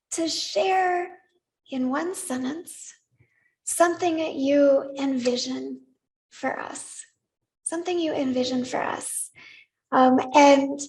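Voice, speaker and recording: A woman leading a congregation in worship, gently inviting them to repeat words back to her. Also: high-pitched, low-quality recording. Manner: gentle, inviting, leads call-and-response. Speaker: service leader. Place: church sanctuary.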